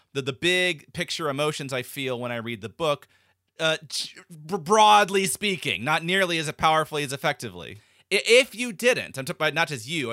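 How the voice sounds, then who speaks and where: A man with a bright, forceful voice talks over a film in a relaxed discussion. He pauses on fillers and restarts his sentences as he thinks aloud. The sound is close and dry, with no room around it. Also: medium pitch, clean tone, no echo. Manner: thoughtful, many fillers and restarts. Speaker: podcast co-host. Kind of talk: casual discussion.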